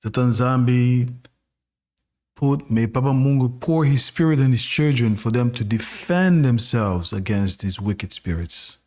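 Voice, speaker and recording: A man speaks slowly in a mid-range voice, giving blessings in a solemn, measured rhythm. His delivery is steady and deliberate. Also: medium pitch. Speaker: co-host. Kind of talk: spiritual talk show, closing prayer.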